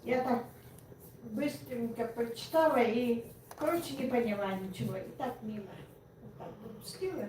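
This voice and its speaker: A woman's voice: a little high, normal speed, a little mellow. A woman in her sixties giving a personal testimony, telling it animatedly and with laughs. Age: 60s. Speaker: business partner. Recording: echoey room, far from mic, faint hiss.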